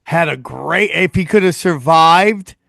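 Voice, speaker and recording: A man's voice: fairly high pitch, a little slow, gravelly, sharp tone. A man hosting a casual podcast, talking in a loose, rambling way and plugging his live shows. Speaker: podcast host.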